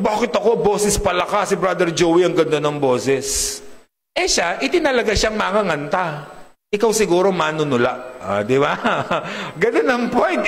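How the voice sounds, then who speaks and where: A man preaching a sermon, joking and often asking the congregation questions. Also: fairly bright tone. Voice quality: deep, big voice. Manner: humorous, asks the crowd often. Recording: long hall reverb.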